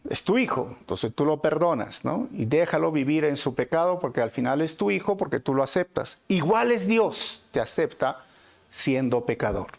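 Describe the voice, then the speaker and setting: A man's voice: lively intonation, normal speed, creaky. Peruvian man preaching with rhetorical questions. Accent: Peruvian Spanish. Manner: addresses listeners as brothers with frequent rhetorical questions; dramatic swings in pitch and loudness for emphasis. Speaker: pastor teaching a Bible study. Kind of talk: inductive Bible study sermon.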